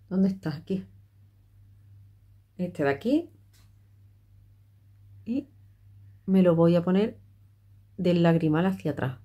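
Chatty woman with a mellow voice. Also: on the low side. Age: middle-aged. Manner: chatty, hesitant, many fillers and restarts. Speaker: makeup vlogger. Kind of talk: casual makeup tutorial.

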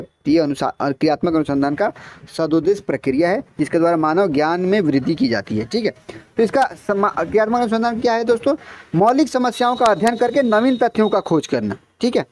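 A young man with a high-pitched voice tutors for exams in a relaxed, conversational way. He breaks each answer into simple steps, checks in with his listeners often, and stops to correct himself mid-word. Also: slight background noise. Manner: explains step by step, often saying "ठीक है" and addressing viewers as friends; self-correcting, restarts words. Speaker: exam tutor. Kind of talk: casual exam-prep lesson.

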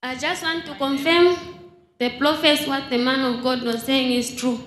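A woman's voice: high-pitched, steady tone, normal speed, a bit bright. A young woman from Zambia giving an earnest church testimony into a handheld mic. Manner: earnest storytelling. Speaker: testifying congregant. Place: large church hall. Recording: echoey church hall.

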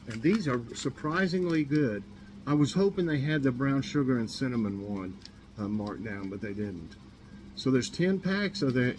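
A man in his fifties with a mid-range voice chats casually to the camera in a small kitchen, showing off his grocery haul for his vlog. He rambles, with lots of ums and restarts, and there's background noise.

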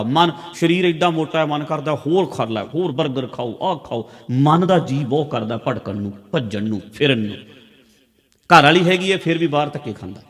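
Punjabi male preacher, higher-pitched voice, conversational repeated teaching lines, long hall reverb. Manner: conversational, repetitive teaching with everyday examples. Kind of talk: religious discourse. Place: large hall with a congregation.

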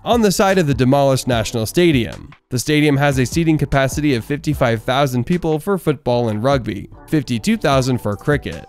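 A man's voice: mid-range voice, lively intonation, fairly quick, few pauses. A man reading a scripted top ten countdown, lifting his voice on each new number and reading the facts evenly. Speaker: narrator of a top ten list channel. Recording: voice-over with faint background music.

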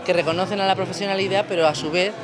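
A woman's voice: lowish voice, steady tone, rapid-fire. A woman in her fifties answering an interview at an awards event, fluent and explanatory. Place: event hall with stage backdrop.

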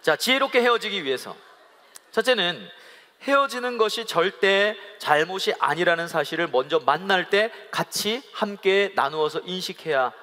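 A male pastor with a high, ringing voice gives a lively sermon. He mixes humor and playful acting-out of couples' quarrels, and leads the congregation in call-and-response. His voice carries through the long reverb of a large worship hall. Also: normal speed. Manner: humorous, acts out quoted couple dialogue.

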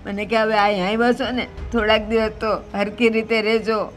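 A woman's voice: on the high side, flat delivery, normal speed, soft background music, natural voice. A woman with a Gujarati accent playing an offended older mother who sulks and complains. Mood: sulky. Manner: complaining, sulky. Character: sulking offended old mother. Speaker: visiting mother.

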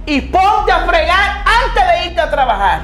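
Woman doing a demanding lazy husband, high lively voice, echoey room. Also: unhurried, a little hiss or hum, heavily acted. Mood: scolding. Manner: indignant, scolding, pleading when cornered.

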